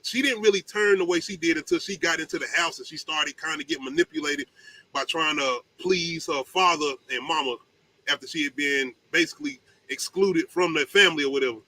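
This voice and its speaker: A man presents a casual top ten countdown in a bright, forceful voice pitched a little high. His talk is slangy and emphatic, with swearing mixed into the commentary. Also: a little fast, low-quality recording. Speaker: host of a movie countdown show.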